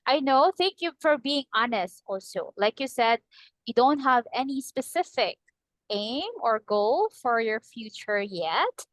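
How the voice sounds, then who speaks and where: Filipina tutor in her 20s, kinda high voice, patient and encouraging, video call. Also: lively intonation, unhurried, no echo, low-quality recording. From Philippines. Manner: patient, encouraging, repeats the student's name often. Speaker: English tutor. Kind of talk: online speaking lesson.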